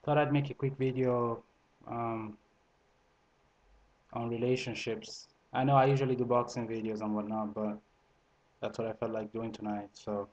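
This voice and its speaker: A man's voice: medium pitch, level tone, moderate pace, long pauses, darkish tone, rough recording. A man raised in Italy who speaks English with a multilingual accent that mixes in Italian and French, giving casual relationship advice to camera with lots of fillers and restarts. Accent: multilingual, Italian and French mixed into English. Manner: conversational, frequent fillers and restarts. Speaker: vlogger.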